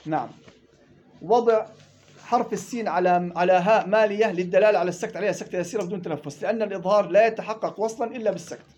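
A man teaches Quran recitation rules at a fast clip, his voice pitched high and slightly husky. He moves between explanation and chanted verse examples. The recording is dull and lo-fi. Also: darkish tone. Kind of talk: classroom lesson on tajweed rules.

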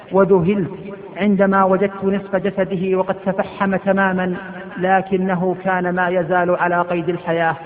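A male preacher giving a sermon. He retells a story solemnly and repeats phrases for emphasis. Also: sits high. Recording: tinny lo-fi sound with long hall reverb.

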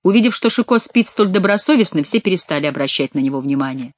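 Measured audiobook narrator, dry sound. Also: mid-range voice, animated, no room sound.

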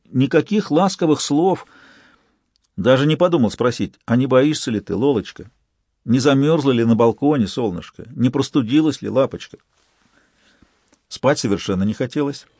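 A man narrating an audiobook in a lively, expressive storytelling manner. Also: on the low side, no echo, clean studio sound. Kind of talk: scripted narration.

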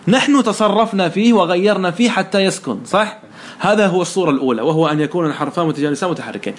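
A male teacher talks fast in a fairly high voice as he walks a student through grammar rules. He keeps firing short questions and praising correct answers. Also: a little hiss or hum. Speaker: teacher of Arabic morphology. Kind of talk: one-on-one lesson, question and answer.

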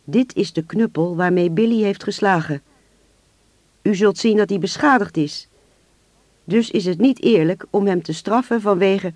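A man voicing a calm, menacing middle-aged father who speaks politely and then in quiet threats. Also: on the high side, moderate pace, no room sound. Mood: pleading.

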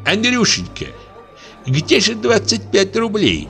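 A man doing a shrill scolding old matron. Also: huge pitch swings, slow, gravelly, bright, forceful tone, soft background music, heavily acted. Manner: shrill and reproachful. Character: coarse scolding old mother of the bride.

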